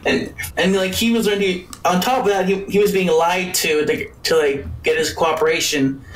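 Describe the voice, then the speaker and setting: Male podcast co-host, high voice, rambly and laughing a lot, echoey room. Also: steady tone, normal speed. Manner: rambling, laughs often, many restarts. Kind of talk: casual anime review chat.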